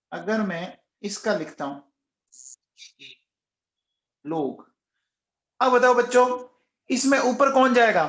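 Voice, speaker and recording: A man's voice: high-pitched, echoey room. A man teaching a chemistry class online, coaxing and quizzing his students again and again and raising his voice to get answers. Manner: raises voice, says he is shouting nonstop. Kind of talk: live online class lecture.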